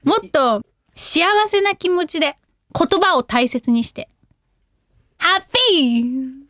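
A young woman hosting a radio show, reading listener letters in casual chat, bubbly and giggly, sometimes shouting catchphrases. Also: very high voice, lively intonation, a little slow, no echo, clean studio sound.

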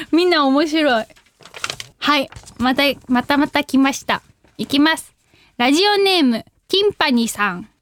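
A young woman hosting a radio show, reading listener letters in casual chat, bubbly and giggly, sometimes shouting catchphrases. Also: high voice, lively intonation, unhurried.

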